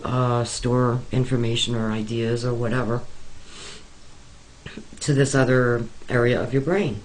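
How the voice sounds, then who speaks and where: A man in an interview, telling his own story slowly and haltingly. He fills the gaps with frequent ums and uhs, and speaks in an earnest, confiding way at an unhurried, dragging pace in a mid-range voice. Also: medium pitch, a little mellow, poor audio. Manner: hesitant, many pauses and fillers. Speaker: interviewee recounting experiences. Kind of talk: slow, halting personal account.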